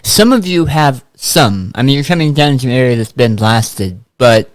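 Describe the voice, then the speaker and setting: A man's voice: mid-range voice, expressive, moderate pace, no echo. A man acting as game master, narrating a tabletop scene conversationally and addressing the players.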